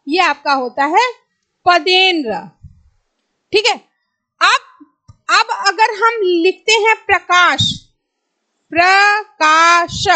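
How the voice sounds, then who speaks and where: In an exam-prep grammar lesson, a woman with a very high, bright voice and a forceful tone patiently repeats each word slowly, posing questions and then answering them herself.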